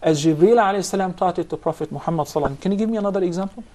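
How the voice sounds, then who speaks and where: A man's voice: high voice, rapid-fire, dark tone. A man teaching a Quran recitation class, explaining points patiently and quizzing his students. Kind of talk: classroom instruction.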